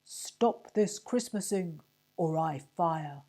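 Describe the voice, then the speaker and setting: A blustering storybook sergeant bellows slow, drawn-out threats, as a woman puts him on. The tone stays dark and mellow, the words dragged out for menace. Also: deep voice, fairly even intonation, vocal fry, exaggerated voice. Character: blustering angry male sergeant.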